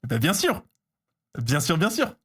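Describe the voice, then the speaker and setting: A man streaming live as he opens trading cards, chatting casually, getting excited and answering his chat. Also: a little high, a little slow, slightly rough.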